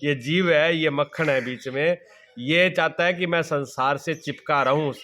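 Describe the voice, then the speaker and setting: A middle-aged man preaches a devotional sermon as a spiritual teacher, his voice slightly high, unhurried and somewhat bright, with a faint hiss or hum. He poses rhetorical questions and answers them himself, returning again and again to plain, folksy everyday examples.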